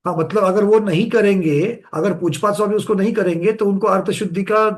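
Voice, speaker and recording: A man's voice: sits high, fairly even intonation, a little fast. A man in a scripture class who respectfully asks questions and restates ideas to check his understanding. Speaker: student asking questions. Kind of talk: question-and-answer discussion.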